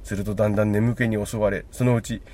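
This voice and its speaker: A man's voice: lowish voice, level tone, fast talker, background noise. A man co-hosting a radio show, chatting casually and reading listener letters aloud with frequent chuckles. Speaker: radio co-host.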